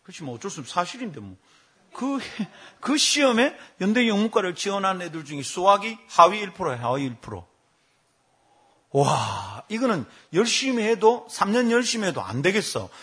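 A man's voice: sits high, moderate pace, husky. A man, preaching a sermon as a pastor and telling stories with acted quotes. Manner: animated storytelling with acted quotes.

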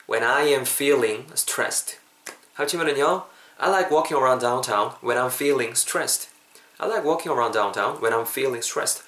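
A man hosting a podcast English lesson, drilling phrases and repeating lines for listeners to copy. He explains quickly in Korean and models the English slowly. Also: mid-range voice, a bit bright. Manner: switches between fast Korean explanation and slow English models. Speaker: English teacher, podcast host. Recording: roomy, echoey sound.

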